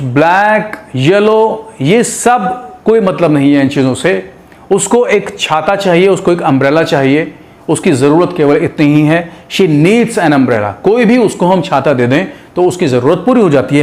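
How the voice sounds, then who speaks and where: A man teaching English grammar in a video lesson, slowly reading out example sentences word by word and explaining them. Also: high voice. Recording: echoey room.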